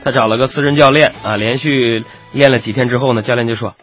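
A man's voice: mid-range voice, fairly even intonation, fast, fairly bright tone, soft background music. A man hosting a radio comedy show, telling jokes, acting out the quoted voices and often laughing.

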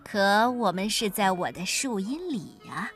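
A woman voicing a clever, sly folk-hero man in a children's storybook reading, calm and teasing. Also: mid-range voice, faint music behind, lightly acted. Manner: calm, teasing, deliberately slow. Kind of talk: storybook character voice.

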